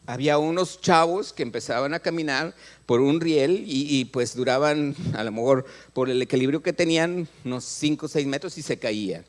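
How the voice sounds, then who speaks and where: A man's voice: a little high, moderate pace. A middle-aged man with a Mexican accent preaching a sermon in a church, acting out prayers and questioning the congregation. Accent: Mexican Spanish. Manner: animated, acts out prayers and dialogues, asks the congregation questions. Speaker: pastor.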